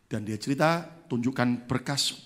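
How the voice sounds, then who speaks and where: A man's voice: mid-range voice, normal speed. A male pastor preaching a sermon, telling a story and acting out the people in it. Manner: lively storyteller who acts out the people in his story. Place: church.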